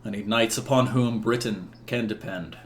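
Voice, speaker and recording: A man voicing a stern medieval king who makes formal, measured pronouncements from his throne in a tabletop game. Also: lowish voice, slight background noise, natural voice.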